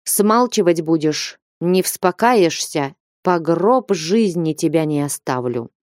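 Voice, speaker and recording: A woman reading the part of a stern older merchant who lectures and commands a young man in slow, weighty warnings. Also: low-pitched, animated, a little mellow, dry recording, clean studio sound.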